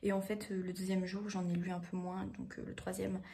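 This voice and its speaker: A woman's voice: lowish voice, little pitch movement, fairly quick, dark tone, slightly rough. A woman in her twenties chatting casually to her phone camera about her reading week, with many fillers and self-mocking asides. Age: 20s. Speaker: book vlogger. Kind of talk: casual vlog chat.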